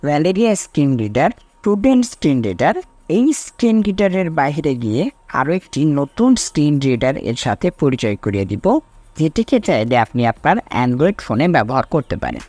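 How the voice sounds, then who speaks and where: A man presenting a step-by-step software tutorial in an instructional way, repeating each item and then explaining it. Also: on the high side, sing-song, a little fast, dry recording.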